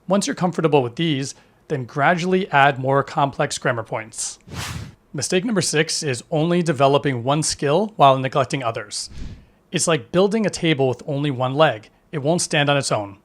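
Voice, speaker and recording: A man giving a scripted lesson as a language teacher, with an even, instructive delivery. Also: a little high, moderate pace. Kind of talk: scripted educational narration.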